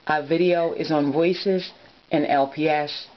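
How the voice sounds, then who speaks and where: A woman's voice: sits low, steady tone, unhurried. An adult woman YouTuber giving a casual how-to talk to camera, explaining things earnestly, step by step. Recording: dull lo-fi home recording.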